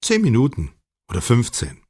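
A man voicing a calm, matter-of-fact middle-aged mother who talks briskly. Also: mid-range voice, breathy edge, pitched above the performer's own voice.

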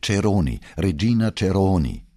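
A man voicing a tense, hoarse middle-aged police inspector speaking curtly and urgently. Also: deep voice, sing-song, moderate pace, warm tone, no echo, clean studio sound, voice pushed up. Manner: urgent, curt.

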